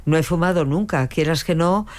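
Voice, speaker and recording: The low, slightly mellow voice belongs to an older woman who is a veteran dubbing actress with a strong voice, talking at normal speed. In her interview answers she frequently hesitates, restarts and fills pauses.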